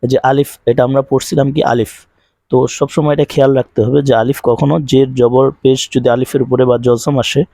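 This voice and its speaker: A man with a Bangladeshi Bengali accent teaching Quran reading in a recorded lesson, explaining quickly and then drilling syllables slowly. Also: mid-range voice, warm tone, no room sound, clean studio sound. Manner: quick explanations, slow drawn-out recitation drills.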